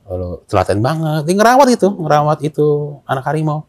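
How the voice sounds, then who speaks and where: A man's voice: fairly high pitch, fast talker, no room sound. A man telling a story in casual chat, acting out the dialogue in slang. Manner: animated, acts out dialogue in slang. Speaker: storyteller guest.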